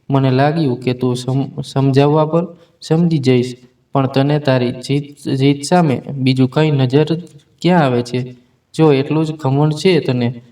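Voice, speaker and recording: A man's voice: mid-range voice, dark tone, natural voice. A man voicing a hurt, stern older father. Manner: bitter and resigned.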